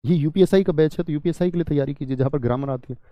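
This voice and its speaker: Hindi grammar teacher, dark and dry. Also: male voice, a little high, no room sound. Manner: asks the class questions, then answers them himself; explains slowly and repeats key terms. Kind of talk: online exam-prep class.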